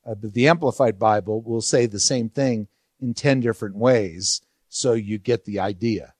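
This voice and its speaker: A man's voice: on the low side, moderate pace, a little mellow, no room sound, clean studio sound. A man teaching a Bible study verse by verse, explaining in a conversational way and asking rhetorical questions.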